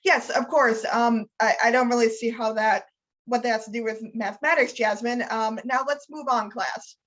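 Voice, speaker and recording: A woman's voice: on the high side, steady tone, moderate pace, fairly bright tone, dull audio. A woman playing a well-meaning male math professor in a read-aloud training scenario, addressing the class stiffly and hesitantly. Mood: awkward. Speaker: student leader reading a training scenario.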